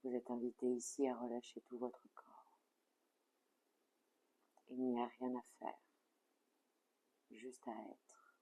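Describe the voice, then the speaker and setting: In a mid-range voice, an instructor talks listeners through yoga nidra relaxation. The delivery stays soothing, calm and measured, rounding off phrases softly.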